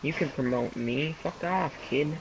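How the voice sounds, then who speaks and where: A man's voice: fairly high pitch, moderate pace, vocal fry, a little hiss or hum, rough recording. A man bantering crudely with a friend, swearing constantly and mocking in a casual chat.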